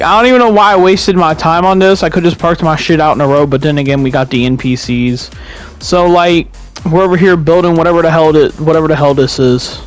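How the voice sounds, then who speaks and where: A young gaming YouTuber with a fairly high-pitched voice gives rambling, casual commentary over footage of his own farming game. He swears freely and keeps restarting his sentences.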